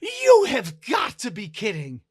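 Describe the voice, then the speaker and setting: A man voicing an anxious, excitable female crew friend in a spoken space role-play game, exclaiming in alarm. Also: deep voice, normal speed, breathy edge, no echo, studio quality.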